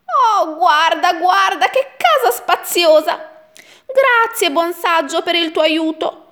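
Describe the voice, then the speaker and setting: A woman voicing a fussy, grumbling little old woman in a rhyming storybook, with an exaggerated shrill delivery. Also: expressive, slow, a bit bright, exaggerated voice. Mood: delighted. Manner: shrill, exaggerated complaining in rhyme. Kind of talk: storybook reading.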